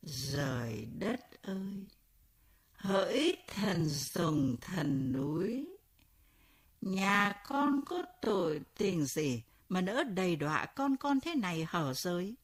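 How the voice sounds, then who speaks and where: Woman voicing a wailing grief-stricken village mother. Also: mid-range voice. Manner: slow, wailing lament.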